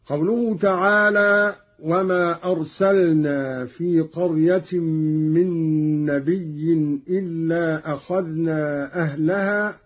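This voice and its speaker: A middle-aged man with a husky voice explains recitation variants, slowly reciting each example, in an old radio lesson recording. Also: a little high, fairly even intonation, lo-fi sound. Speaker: Quran recitation teacher.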